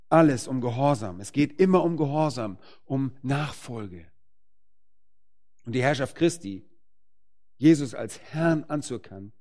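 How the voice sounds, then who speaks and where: Guy preaching a sermon, mid-pitched voice, gets loud and slow on the big points. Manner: emphatic, rising to forceful peaks on key phrases; slows down to stress words.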